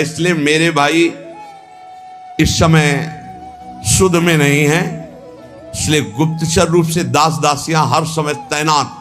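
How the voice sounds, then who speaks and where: A man's voice: on the high side, fairly bright tone. Man telling a devotional story over music. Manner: narrates a legend, acting out the characters' lines. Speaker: spiritual teacher.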